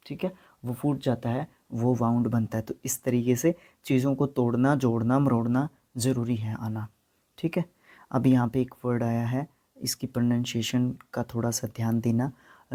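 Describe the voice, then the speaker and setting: Mellow Haryanvi man teaching vocabulary. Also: mid-range voice. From Haryana, India. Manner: reads words slowly and spells them out, mixing Hindi and English. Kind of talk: recorded exam-prep lesson.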